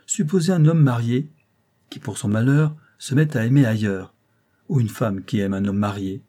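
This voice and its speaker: A man reading a novel aloud and voicing an earnest, gentle young engineer who speaks tenderly and hesitantly. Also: mid-range voice, normal speed, natural voice.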